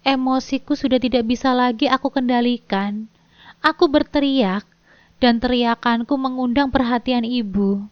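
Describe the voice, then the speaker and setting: A woman narrating a first-person story in a steady, emotional way. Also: fairly high pitch, normal speed, no echo. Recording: dull dry lo-fi recording.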